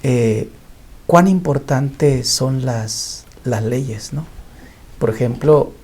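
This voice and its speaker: Hombre mexicano de voz grave y rasposa. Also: male voice, medium pitch, extremely slow, darkish tone. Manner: storytelling, earnest testimony. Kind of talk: Bible study panel discussion.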